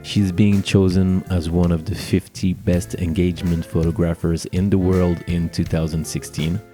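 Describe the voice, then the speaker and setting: Deep-voiced man hosting a podcast. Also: flat delivery, moderate pace, dark tone, faint music behind. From France. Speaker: podcast host, wedding officiant. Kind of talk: podcast interview.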